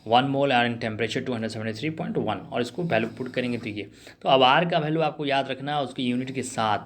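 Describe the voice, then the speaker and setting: Male tutor, mid pitch, quizzing tone, light background hiss. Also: fairly quick. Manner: explains step by step, asks the class rhetorical questions. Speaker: chemistry teacher. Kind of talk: revision lesson in Hindi-English mix.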